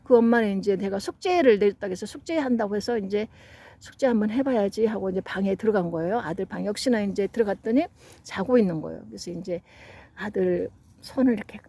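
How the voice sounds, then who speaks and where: A woman's voice: mid-range voice, fast talker, warm tone, breathy edge. A middle-aged woman giving a psychology lecture, telling stories in an earnest way and acting out what parents and children said. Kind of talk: lecture with anecdotes.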